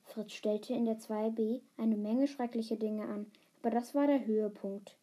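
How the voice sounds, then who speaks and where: A woman reading a children's book aloud, unhurried, with small slips and fillers. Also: a little high, steady tone, warm tone, husky. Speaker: reader.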